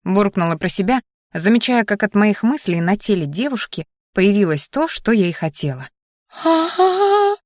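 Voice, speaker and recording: A woman narrating a first-person fantasy audiobook in a lively, wry storytelling manner. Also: mid-range voice, normal speed, no room sound. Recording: dry close audiobook recording.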